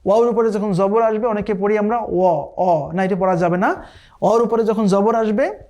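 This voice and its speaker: A Quran recitation teacher from Bangladesh giving a recitation lesson, patiently repeating words and drawing out recited phrases slowly. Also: medium pitch, darkish tone.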